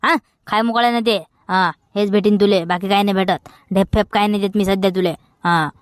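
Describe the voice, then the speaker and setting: A woman's voice: medium pitch, steady tone, brisk, dry recording. A woman with a Vidarbha Marathi accent playing a young village man who grumbles and banters in a rural comedy sketch. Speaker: comedy actor.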